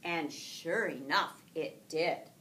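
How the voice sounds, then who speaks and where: A middle-aged teacher reads a picture book aloud to children in a school classroom, stretching out her words in an expressive, deliberate storytelling style. A camera a few feet away picks her up, so the room sounds echoey and distant, with a faint rumble underneath.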